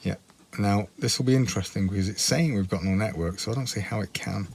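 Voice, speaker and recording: Low-voiced man, casual demonstration. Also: fast, vocal fry, a little mellow, husky. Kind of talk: casual chat, hands-on demonstration. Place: inside a motorhome.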